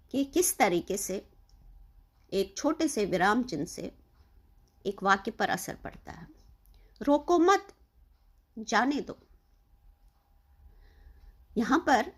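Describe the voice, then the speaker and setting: A woman's voice: mid-range voice, slightly rough. A woman teaching a lesson to children, explaining patiently and stressing her example sentences.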